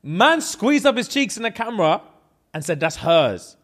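Young male host, London roadman accent, lively swooping delivery, jokey slang, reading comments aloud. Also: high voice, moderate pace. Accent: London, urban roadman slang. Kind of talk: casual banter, reading out online comments.

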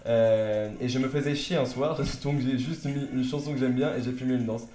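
A man's voice: mid-range voice, steady tone, moderate pace, warm tone. Male co-host, casual banter, jokey; echoey room. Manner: joking, chatty, laughs often. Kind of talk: casual chat. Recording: roomy echo.

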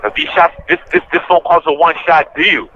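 A man's voice: on the high side, fairly quick. A man calling in on a prison phone line to a podcast, talking in blunt street slang and rambling through complaints. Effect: on a prison phone call. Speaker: inmate calling in. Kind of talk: casual phone chat. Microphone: prison payphone handset. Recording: muffled prison phone line, faint hiss.

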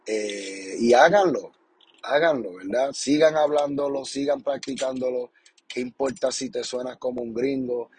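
In a casual podcast monologue, a young adult male host talks at medium pitch, unhurried and a little mellow. Passionate and encouraging, he keeps restating his points and ending them with a question, and a bit of hiss or hum is present.

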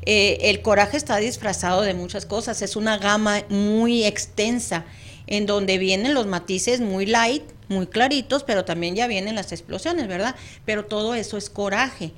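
A woman's voice: mid-range voice, normal speed, a bit bright. A woman counselor, a guest on a radio talk show, chatty and laughing often. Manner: chatty, laughs often, acts out clients' voices.

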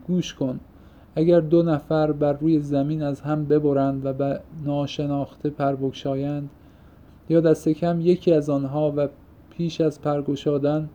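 A man's voice: a little high, mellow, lightly acted. A man reading an audiobook, voicing an impassioned young man who pours out his heart in fervent, poetic outbursts. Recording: muffled lo-fi recording.

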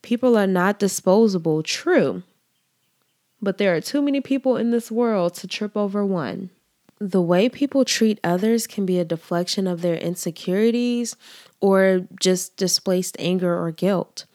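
A woman hosting a solo podcast with a congested, stuffy-nosed voice, speaking in an earnest, measured, scripted way. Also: medium pitch, darkish tone, dry recording, clean studio sound. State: congested from allergies, trouble breathing. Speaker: podcast host.

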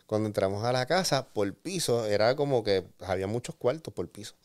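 A man's voice: fairly low pitch, lively intonation, a little fast, a little mellow. A man from Puerto Rico with a Puerto Rican accent, telling a long rambling anecdote in casual slangy chat. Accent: Puerto Rican Spanish. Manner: rambling, slangy storytelling with restarts. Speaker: guest storyteller.

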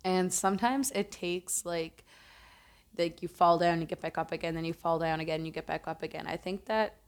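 A woman's voice: lowish voice, steady tone, moderate pace. A woman hosting a casual solo podcast, talking in a reflective, earnest way and correcting herself as she goes. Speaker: podcast host.

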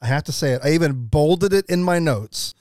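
A man's voice: fairly high pitch, animated, fairly quick, a little mellow, no echo, clean studio sound. An American man co-hosting a podcast in casual, rambling chat, speaking with emphasis. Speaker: podcast co-host.

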